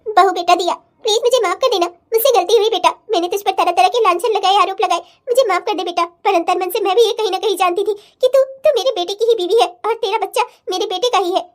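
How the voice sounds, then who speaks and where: A woman's voice: very high voice, quick pace. A woman voicing a fiery older mother-in-law who scolds her daughter and then pleads with her daughter-in-law in a cartoon drama. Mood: repentant. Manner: scolding, emotional. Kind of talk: cartoon family-drama dubbing.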